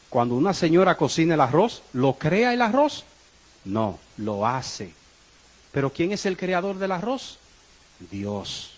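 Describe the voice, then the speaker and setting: A male preacher giving a sermon, questioning the congregation and swinging between loud exclamations and low murmurs. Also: rough recording.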